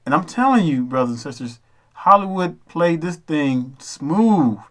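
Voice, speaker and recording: A man's voice: a little high, animated, unhurried, fairly bright tone. A man giving casual, preachy commentary on a film, addressing his listeners as brothers and sisters. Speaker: religious commentator.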